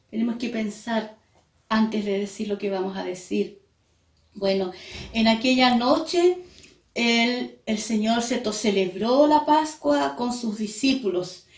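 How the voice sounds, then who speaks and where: A woman's voice: on the high side, a little mellow. Woman preaching, distant and echoey. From Chile. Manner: earnest, hesitant with frequent pauses and fillers. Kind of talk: sermon. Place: church hall. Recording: echoey church room from a distance.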